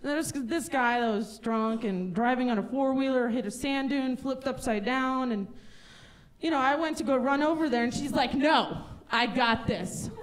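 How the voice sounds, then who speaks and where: A stand-up comic with a high-pitched voice performs a chatty, self-mocking set at a moderate pace, breaking into loud character bits. The recording is low quality, and the live audience can be heard laughing in the venue.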